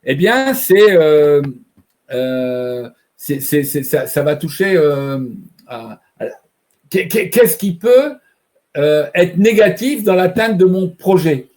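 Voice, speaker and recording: A man's voice: on the high side, expressive, slow, a little mellow. A man presenting an online training webinar, talking over a computer mic and explaining by asking himself questions. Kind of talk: live online training talk.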